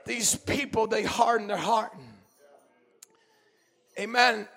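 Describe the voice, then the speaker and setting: A man preaching a sermon in a church, fervent and shouting in bursts, punctuated with amens and hallelujahs. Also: high voice, little pitch movement, slow, vocal fry.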